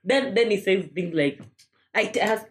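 A young woman with a Kenyan accent in casual chat, telling blunt, animated stories with bursts of laughter. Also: mid-range voice, normal speed. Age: young adult. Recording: noisy background.

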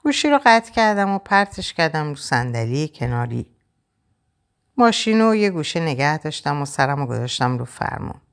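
A woman narrating a novel in the first person, in a quiet, reflective, measured way. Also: deep voice, big pitch swings. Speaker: audiobook narrator.

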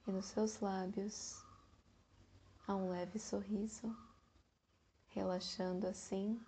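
Very slow, soothing woman guiding meditation. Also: mid-range voice, mellow, slight background noise. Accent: Brazilian. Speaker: meditation guide. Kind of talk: guided meditation narration.

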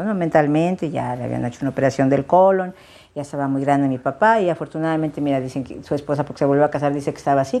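A middle-aged woman, a guest on a talk show, telling stories animatedly and acting out the people she quotes. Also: sits low. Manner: animated, theatrical, acts out quoted voices. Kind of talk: casual talk show chat.

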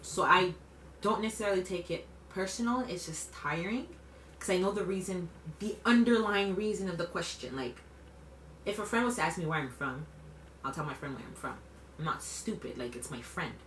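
This late-20s Canadian podcast co-host has a fairly low, fairly bright, expressive voice at normal speed, and she talks bluntly and emphatically, peppering casual chat with "like." Recorded on a distant mic, the audio carries roomy room sound plus a little hiss or hum.

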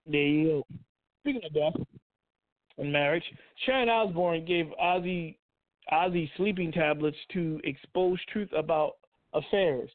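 A man's voice: fairly high pitch, dry recording. A man hosting a casual, profane commentary on the news, often repeating himself. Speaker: podcast host. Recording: tinny phone-like sound.

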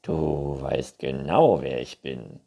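A man voicing a stubborn, contrary unicorn from a children's story, gruff and curt. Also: extremely low pitch, slow, dark tone, voice pushed down, full character voice. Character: stubborn grumpy unicorn, always says no. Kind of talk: children's book reading.

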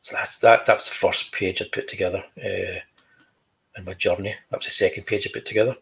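A man's voice: sits low, steady tone, fairly quick, vocal fry, a bit bright, poor audio. A man, a comic book creator talking casually and showing his artwork, chatty with dry humor.

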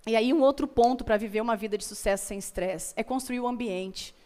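A woman's voice: fairly high pitch, brisk, crowd noise. A Brazilian woman speaking as a motivational guest, telling personal stories in an earnest, emphatic way and repeating phrases for effect. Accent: Brazilian Portuguese. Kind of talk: motivational storytelling conversation.

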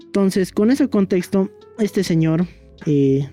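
A man's voice: high-pitched, lively intonation, slow, dark tone, faint music behind. A young man with a Bolivian Spanish accent, telling a personal story in a rambling, casual way, with many fillers and tag questions. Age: young adult. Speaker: young historian guest.

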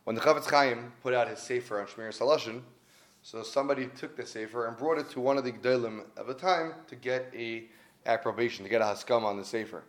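A man's voice: medium pitch, fast. A man giving an earnest weekly Torah talk, telling stories in a conversational way and stressing his points by repeating them. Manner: earnest, conversational, with emphatic repetition. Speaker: Torah teacher.

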